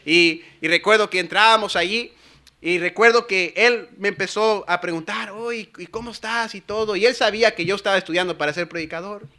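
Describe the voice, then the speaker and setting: A male pastor, preaching to a youth conference. He tells a lively story and builds to fervent shouting. His voice sits high and rings with a sharp, very bright edge. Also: a little fast. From Los Angeles, USA.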